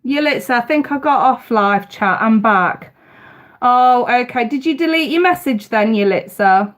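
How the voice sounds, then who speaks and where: Her nose clearly blocked, a woman hosts a relaxed live tarot session and chats directly with the people watching. She speaks at a moderate pace in a fairly high, expressive voice.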